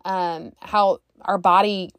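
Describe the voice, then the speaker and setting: A woman hosting a podcast, chatty and animated, now and then coughing. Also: lowish voice, slow pace, slight background noise. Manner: chatty, animated, acts out quotes. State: recovering from a cough. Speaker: podcast host. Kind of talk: casual podcast conversation.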